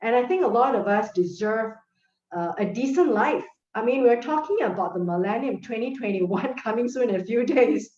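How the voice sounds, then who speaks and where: A woman's voice: on the high side, expressive, normal speed, a little mellow. A woman hosts an interview over a video call, speaking earnestly in long, encouraging stretches. Her voice is heard from a distance in a roomy space, and the audio is dull. The whole thing sounds like lo-fi call audio. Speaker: host.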